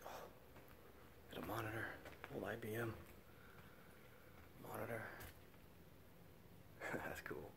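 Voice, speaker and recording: Guy half-whispering little comments as he pokes around an old mill, faint camera-mic audio with noise behind, gravelly. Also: lowish voice, slow, pauses often. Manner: hushed, half-whispered remarks while exploring. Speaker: urban explorer host. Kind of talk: quiet walking commentary. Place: inside an abandoned mill. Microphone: handheld camera without its mic.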